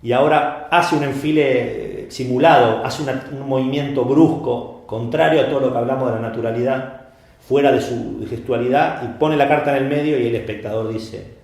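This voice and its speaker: Animated man in echoey room. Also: medium pitch, normal speed, creaky. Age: middle-aged. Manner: animated storyteller, many fillers and repeats. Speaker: podcast co-host, magician. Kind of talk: casual explanatory chat.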